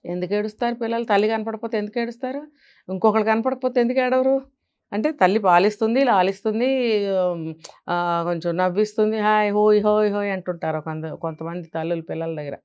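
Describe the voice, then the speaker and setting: A woman's voice: medium pitch, quick pace, a little mellow, clear, resonant tone, muffled recording. A woman with a Telugu accent, a guest speaker giving emphatic parenting advice in an interview, often asking rhetorical questions.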